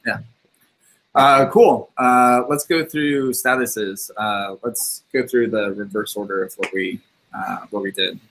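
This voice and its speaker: A man with a somewhat low voice leads a casual contributors meeting. He's from California and talks in a relaxed, friendly way, with plenty of uhs and ums. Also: takes it slowly, rough recording. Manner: relaxed, filler-heavy, friendly. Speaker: meeting host.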